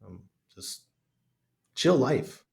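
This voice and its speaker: A middle-aged man from the United States, chest congested, talks casually and bluntly as a guest on a podcast interview. His mid-range voice is sing-song and very slow, with vocal fry.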